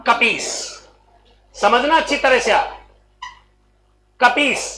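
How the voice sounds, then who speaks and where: A man's voice: very high voice, expressive, bright, forceful tone, low-quality recording. A male coaching-class teacher, teaching a Hindi grammar lesson in a classroom and calling questions out to his students. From Rajasthan. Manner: calls out questions to students and repeats answers; slow, drawn-out teaching delivery.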